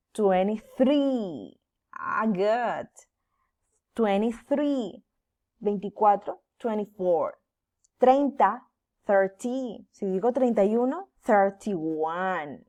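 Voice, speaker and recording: Slow, patient woman teacher. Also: medium pitch, expressive, dark tone. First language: Spanish. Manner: slow, drawn-out, exaggerated pronunciation drills. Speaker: English teacher. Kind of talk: bilingual classroom lesson for children.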